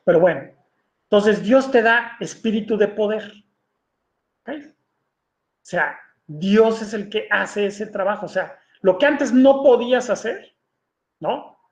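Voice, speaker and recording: A man's voice: sits high, slow pace, long pauses. A man preaching a sermon in a conversational way, telling a personal testimony and checking in with his listeners with short tag questions. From Mexico. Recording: echoey room, dull lo-fi sound.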